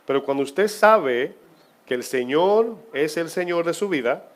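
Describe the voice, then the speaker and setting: Spanish-speaking preacher with swinging emphasis. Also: male voice, fairly high pitch, lively intonation. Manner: preaching with rhetorical questions to the congregation; swings between loud emphasis and quiet, drawn-out phrases. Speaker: pastor. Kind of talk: sermon.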